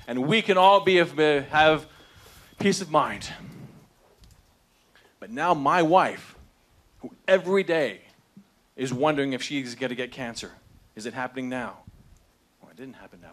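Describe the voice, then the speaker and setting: Confronting his congressman at a crowded indoor town hall, a man in his thirties grips a handheld microphone and delivers an angry, emotional speech that keeps escalating. His voice is on the high side with a fairly bright tone.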